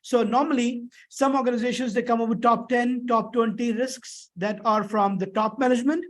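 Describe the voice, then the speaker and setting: A high-voiced man teaches in an explanatory, conversational style. His throat is sore, so the voice sounds a little thick and strained, as with swollen tonsils. He repeats points and often checks that listeners follow. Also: fairly even intonation, normal speed. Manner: conversational, repetitive, checks understanding with short tag questions. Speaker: instructor teaching an online or classroom course. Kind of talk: explanatory lecture with frequent check-in questions.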